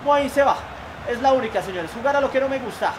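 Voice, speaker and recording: A young Colombian man commenting on his own football video game match, excitable and often shouting and groaning at the plays. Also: very high-pitched, very fast, background noise. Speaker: gaming YouTuber. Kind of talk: excited live gameplay commentary.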